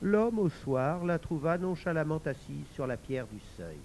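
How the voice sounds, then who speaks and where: A man narrating a folk tale in a slow, deliberate, scripted telling. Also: a little high, sing-song, a little mellow, slight background noise. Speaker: storyteller.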